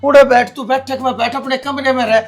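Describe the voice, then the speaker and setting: A man's voice: very high voice, fairly even intonation, a little fast, soft background music. An actor playing a complaining old father with an upset stomach, speaking with a Haryanvi accent. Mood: grumbling. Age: older. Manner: complaining, exasperated.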